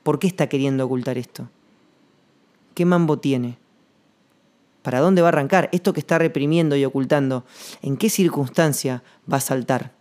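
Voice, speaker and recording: A man with a Rioplatense Spanish accent hosting a reflective solo podcast monologue, rambling and slangy, thinking aloud with pauses. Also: mid-range voice, darkish tone. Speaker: podcast host.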